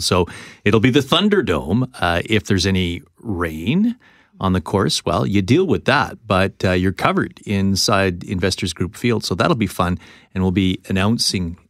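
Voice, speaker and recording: Male radio co-host, very low voice, upbeat, dry booth. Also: no room sound. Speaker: news show co-host. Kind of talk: casual radio banter. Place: radio studio.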